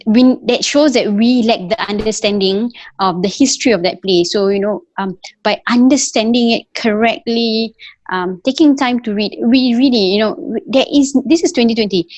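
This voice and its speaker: A woman from Singapore speaks Singaporean English, slipping into Malay words, as a guest in a casual conversation. Her fairly high, slightly mellow voice moves at a moderate pace with no room sound, and she's earnest, often restarting sentences and using fillers.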